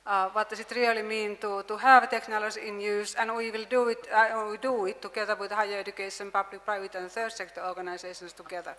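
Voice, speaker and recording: Woman pitching in a reverberant hall. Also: little pitch movement, quick pace, hardly any pauses, a bit bright. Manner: earnest, hesitant with fillers. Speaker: university representative presenting a project. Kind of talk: conference pitch and answers. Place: conference hall with audience.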